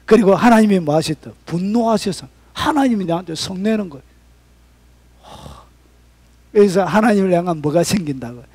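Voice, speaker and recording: Male pastor, high lively voice, dry close sound, dramatic sermon delivery. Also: moderate pace, long pauses, dry recording. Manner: dramatic preaching, swinging between loud cries and hushed whispers.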